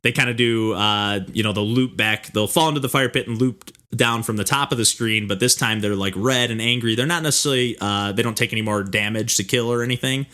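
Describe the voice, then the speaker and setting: A man's voice: on the low side, a little fast, few pauses, bright, forceful tone. A man hosting a casual podcast, talking in a rambling way full of "like" and "you know". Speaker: podcast host. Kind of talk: casual chat about video games.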